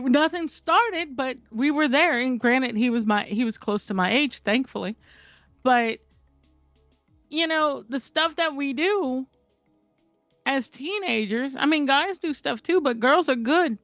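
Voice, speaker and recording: Woman, slightly high voice, blunt casual storyteller, dry close recording with faint music behind. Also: a little slow, dry recording. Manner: candid, blunt, swears freely, animated storyteller. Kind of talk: casual chat.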